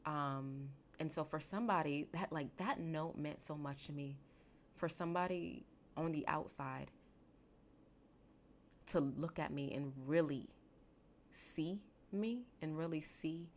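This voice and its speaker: A woman in her late twenties, a therapist hosting her podcast, reflecting slowly and emotionally with halting restarts. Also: sits low, a little hiss or hum. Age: late 20s. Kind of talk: reflective solo podcast talk.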